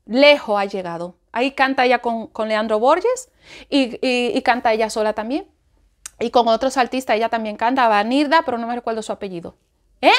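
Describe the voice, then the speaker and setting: A woman giving an informal Bible study talk, animated and repeating phrases for emphasis. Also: fairly high pitch, fairly quick.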